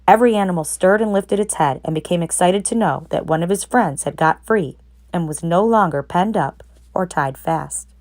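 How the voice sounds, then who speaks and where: A woman narrating a children's storybook aloud in an expressive reading style. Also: fairly low pitch, normal speed. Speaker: narrator, read-aloud reader.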